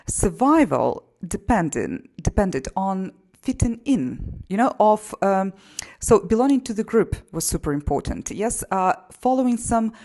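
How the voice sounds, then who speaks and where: Speaking in a warm, mid-range voice, this singer and GSR practitioner from Poland describes her journey in music and a self-help technique. Her Polish accent comes through in a relaxed monologue peppered with "you know" and "you see."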